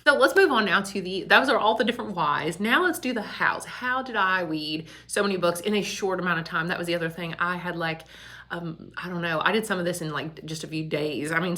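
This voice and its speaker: A woman's voice: lowish voice, a bit bright. A woman school librarian chatting casually and laughing often, her voice echoing around an empty back storage room. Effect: echoey empty room. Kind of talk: casual video chat.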